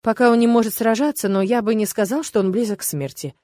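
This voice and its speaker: A woman's voice: a little high, fast, warm tone, no echo, lightly acted. Arman, a dry skeptical healer, read by a woman. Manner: skeptical, matter-of-fact. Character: clever male healer mage, skeptical, dry.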